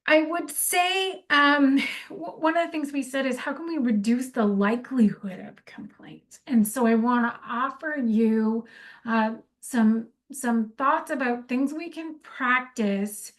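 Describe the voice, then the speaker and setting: A woman's voice: high voice, unhurried. A woman giving an informal instructional talk on workplace conflict, conversational, with many fillers and restarts. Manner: acts out sample apologies in quoted speech.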